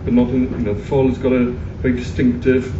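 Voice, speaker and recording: Loud room noise, echo and a muffled, distant quality mark this radio-style interview. The interviewer is a man speaking fast in a monotone, mid-range voice, hesitant and full of fillers and restarts.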